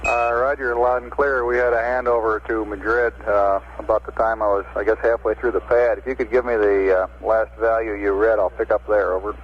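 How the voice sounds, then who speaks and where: American male mission communicator, lowish pitch, methodical radio calls and readouts, muffled vintage 1960s transmission. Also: flat delivery, fairly quick, hardly any pauses. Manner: clipped, methodical number readouts. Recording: noisy, dull 1960s space radio link.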